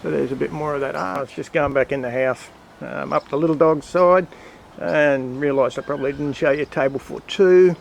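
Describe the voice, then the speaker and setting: A man's voice: fairly high pitch, steady tone, moderate pace, gravelly, a little hiss or hum, low-quality recording. A man giving a rambling, casual walk-through of his garden outdoors, filmed on a handheld camera. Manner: chatty, rambling, with frequent ums and uhs. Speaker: home gardener filming his yard.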